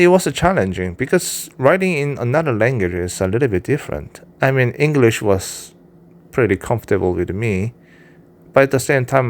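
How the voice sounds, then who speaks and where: A vlogger and self-published writer with a Korean accent, speaking English as his second language, rambles candidly to his cat in a casual vlog monologue. His voice sits on the low side and is a little mellow, and fillers and restarts come up often.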